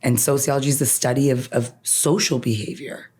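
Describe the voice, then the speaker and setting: Her voice rumbles low, warm and husky, moving a little fast with fairly even intonation. As a podcast interviewee, the woman, an attorney who grew up in Canada speaking Farsi first, reflects personally with earnest emphasis, often tagging "right?" onto the end of a point.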